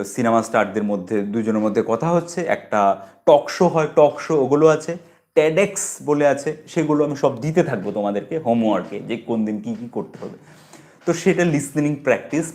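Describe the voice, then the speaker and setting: A man giving a casual spoken English lesson, lively and repetitive, mixing English words into his talk. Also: mid-range voice. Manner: lively, repeats phrases, mixes English words in. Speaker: English teacher.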